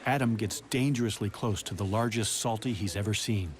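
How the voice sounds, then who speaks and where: A man's voice: fairly low pitch, fairly quick. A man reading scripted nature documentary narration in a dramatic, suspense-building way. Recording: loud music under the voice. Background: loud background music.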